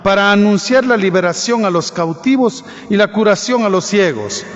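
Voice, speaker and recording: Priest with a cathedral echo. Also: male voice, high-pitched, lively intonation. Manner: formal, measured proclamation. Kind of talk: liturgical Gospel reading at Mass. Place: large church. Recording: long church reverb, dull lo-fi sound.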